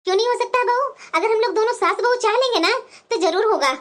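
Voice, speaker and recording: A woman voicing both mother-in-law and daughter-in-law in a cartoon family story, expressive and quick to switch roles. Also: very high voice. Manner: expressive, switching between two figures.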